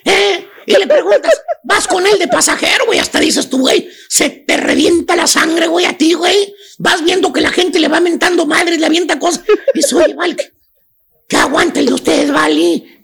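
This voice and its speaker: Shrill gravelly Mexican woman joking loudly. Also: moderate pace. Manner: rowdy, slangy, laughing and shouting. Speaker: radio comedy host. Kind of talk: comic radio storytelling.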